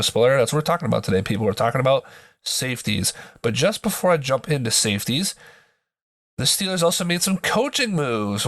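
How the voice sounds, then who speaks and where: A man hosts a sports podcast in casual commentary with joking asides, his voice nasal from a blocked nose, as though he were pinching it. His voice is mid-range, and the studio sound is clean with no echo.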